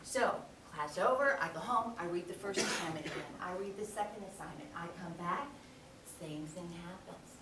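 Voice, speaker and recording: A middle-aged woman giving a storytelling lecture as guest speaker, animated and often checking in with the audience by asking "okay?". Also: lowish voice, normal speed, a crowd in the background. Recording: echoey hall, distant mic, background noise.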